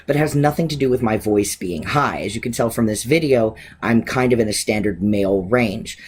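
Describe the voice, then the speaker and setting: A man in his thirties answering viewer questions in a casual, candid vlog, relaxed with frequent ums and expressive inflections. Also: lowish voice, a little fast, a little hiss or hum. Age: 30s.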